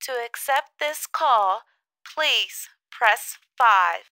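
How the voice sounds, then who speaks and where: Slow recorded payphone operator woman. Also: a little high, lively intonation, sharp tone, no echo. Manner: slow, measured recorded prompt. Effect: recorded jail payphone collect-call message. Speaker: automated collect-call operator.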